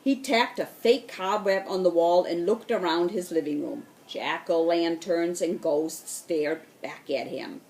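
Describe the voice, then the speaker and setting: Woman reading a storybook aloud, slow and expressive, mellow lowish voice, distant from the mic. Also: roomy sound.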